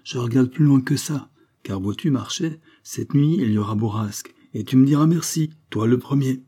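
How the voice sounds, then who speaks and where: A man reading a story voices a calm, keen-eyed English sailor who speaks firmly and calls out warnings. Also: mid-range voice, moderate pace, slightly rough, pitched above the performer's own voice, lightly acted. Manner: calm and firm, raised to a call.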